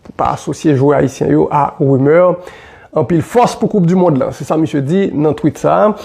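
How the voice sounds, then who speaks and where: A man with a Haitian accent delivers solo football commentary in a somewhat high, gravelly voice. His tone is warm and mellow rather than bright. He talks animatedly, repeating himself and filling pauses as he works through each point.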